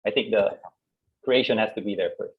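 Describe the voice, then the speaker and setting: A man interviewing a guest in a casual chat, heard over a thin, phone-like line. His voice sits a little low. He stops and restarts as he hunts for the right word. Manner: halting, searching for words. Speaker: interviewer, host. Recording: tinny phone-like call line.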